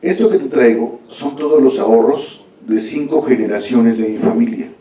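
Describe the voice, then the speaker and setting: Man doing a calm humble cook, soft modest answers, echoey and distant. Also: medium pitch, moderate pace, lightly acted. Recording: echoey hall from far off.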